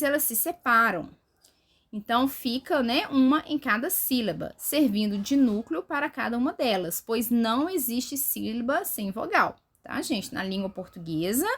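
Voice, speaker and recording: A woman teacher delivers a recorded grammar lesson with a somewhat high voice. She explains patiently, point by point, and tags most sentences with a quick "right?" to check that the class is following. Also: fairly bright tone.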